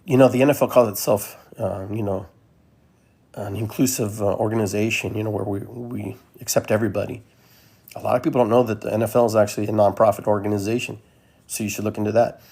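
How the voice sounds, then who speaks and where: A man's voice: fairly low pitch, steady tone, quick pace, creaky, warm tone. A man from Peru hosting a podcast, talking in a loose, rambling monologue that keeps repeating phrases. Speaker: podcast host. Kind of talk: casual monologue.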